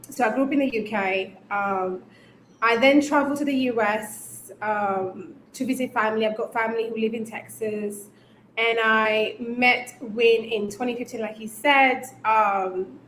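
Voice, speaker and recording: A woman's voice: fairly high pitch, a bit bright, roomy sound, a little hiss or hum, rough recording. A young woman from Kenya, raised in the UK, telling her story as a guest in a casual interview, with many ums. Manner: chatty storyteller with frequent ums. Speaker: guest, YouTuber.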